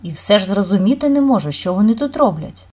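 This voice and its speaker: A small horned forest spirit from a fairy-tale audiobook, a cranky little man who grumbles and snaps at strangers, as a woman reading the tale puts him on. He is gruff and suspicious. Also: mid-range voice, animated, fast, a little mellow, close to an everyday voice. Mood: grumpy.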